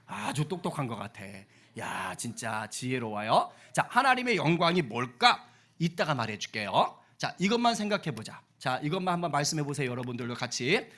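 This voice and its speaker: A man's voice: a little high, sing-song, brisk, bright, forceful tone. A man preaching a children's sermon as pastor. He talks playfully, asking the children questions and teasing them.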